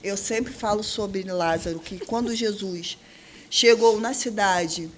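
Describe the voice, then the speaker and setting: A missionary woman speaks slowly and earnestly, as if preaching. A faint hum of noise sits behind her voice. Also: mid-range voice. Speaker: missionary, podcast guest. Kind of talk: preaching testimony.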